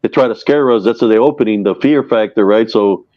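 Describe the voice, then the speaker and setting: A man calmly explaining an idea in a casual podcast chat. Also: on the low side, a little fast, no echo. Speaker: podcast guest. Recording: dull, dry lo-fi audio.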